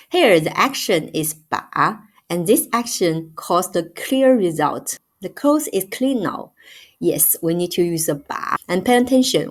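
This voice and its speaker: A woman giving a patient, emphatic grammar lesson as a language teacher, repeating each example. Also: fairly low pitch.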